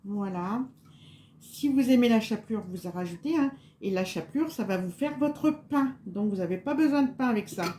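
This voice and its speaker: A woman's voice: a little high, animated, moderate pace, dark tone, slight background noise. Chatty woman cooking live. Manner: chatty, rambling, many fillers and asides. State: tired and on edge after a bad night. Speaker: home cook presenting a recipe. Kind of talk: casual live cooking chat, answering viewers.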